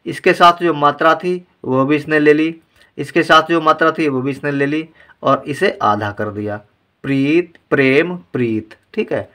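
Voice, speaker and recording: Bright-voiced man teaching Hindi reading. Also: fairly high pitch. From India. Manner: slow, drawn-out word-by-word pronunciation drills. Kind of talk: explaining lesson to viewers.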